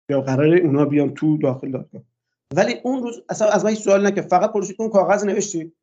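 An older man, a guest on a radio interview, tells a long personal story in a voice slightly high yet dark and mellow, a bit rough around the edges. He hesitates often with "uh," and the recording sounds dull and lo-fi.

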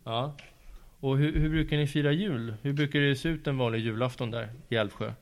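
A man at a school interviews pupils, patient and encouraging, with a voice of ordinary middle pitch. He asks slow, gentle follow-up questions in a casual tone. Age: adult. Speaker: school after-school staff interviewer. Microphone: handheld mic passed to pupils.

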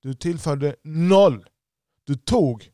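Man with a lisp, slightly high voice, blunt and swearing, dry close sound. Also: warm tone, no echo. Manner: blunt, profane, emphatic. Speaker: business owner. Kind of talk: podcast monologue.

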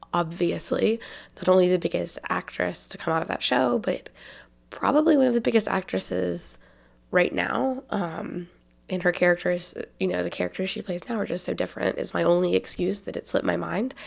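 Her voice is low-ish and gravelly. She's a podcast host in her twenties from Tennessee, speaking with a Southern American accent in a casual, chatty style packed with ums and likes.

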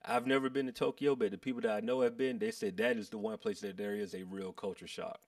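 An American man chats casually with his friends in slangy, buddy-like talk. His voice swings animatedly and has a noticeable fry. The sound is dry, picked up a little away from the mic. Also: mid-range voice, very animated, quick pace, no room sound, far from the mic. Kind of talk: casual chat among friends.

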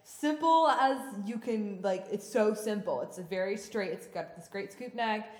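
A woman's voice: mid-range voice, unhurried, a little mellow. A woman co-hosting a podcast, rambling casually and gushing, full of "like" and "you know". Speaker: podcast co-host. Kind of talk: casual chat. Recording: roomy room echo.

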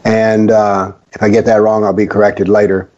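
A man's voice: on the low side, little pitch movement, normal speed, a little mellow. Wry older man with dull lo-fi sound. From American South. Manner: wry, sarcastic, storytelling. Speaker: guest author. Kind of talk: casual radio talk. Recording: dull lo-fi audio.

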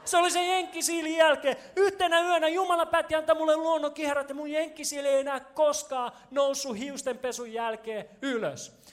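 Male pastor, high-pitched, animated storyteller who grows loud when excited, casual joking sermon to a congregation. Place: church stage before a congregation.

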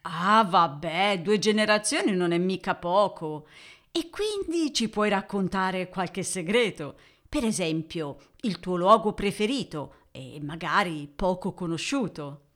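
A woman's voice: lowish voice, lively intonation, a little slow, a bit bright. A woman presenting an interview podcast as its host, addressing listeners and putting questions to a guest.

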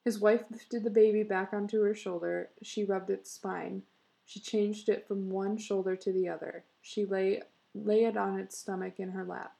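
A woman with a gravelly, fry-touched voice reads a short story aloud. Her pitch sits in the middle range. She keeps a steady reading pace and laughs now and then. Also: moderate pace. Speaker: reader.

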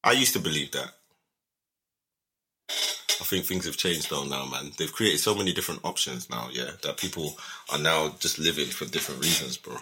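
A man's voice: very deep voice, moderate pace, background noise. A young man with a London roadman accent hosting a podcast, chatting casually in heavy street slang. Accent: London roadman, multicultural street English. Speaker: podcast host.

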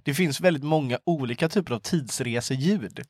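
Casual man, slightly high voice. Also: darkish tone, no echo, clean studio sound. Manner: loose, swearing, acts out voices of people he quotes. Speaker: podcast co-host. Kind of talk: casual chat.

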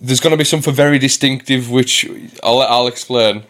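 A man's voice: mid-range voice, fairly even intonation, a little fast, a bit bright. Man hosting a casual podcast. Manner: informal, sweary. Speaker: podcast host.

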